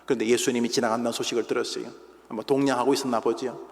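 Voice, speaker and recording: A middle-aged pastor preaching a Friday prayer sermon, dramatic, acting out voices and swinging from loud to hushed. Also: male voice, mid-range voice, level tone, very fast, creaky. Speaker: senior pastor. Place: church sanctuary. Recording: church hall reverb.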